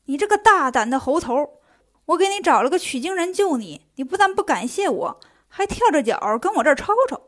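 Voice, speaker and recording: A woman's voice: a little high, normal speed, close to an everyday voice. A woman voicing a female bodhisattva who scolds and teases in a bossy way. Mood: scolding. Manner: bossy, teasing, at times hushed.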